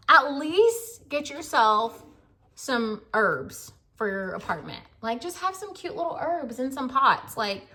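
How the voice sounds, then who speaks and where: Chatty American woman with a bright voice. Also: on the high side. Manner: chatty and rambling, with many fillers. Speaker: gardening vlogger. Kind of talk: casual chat to camera.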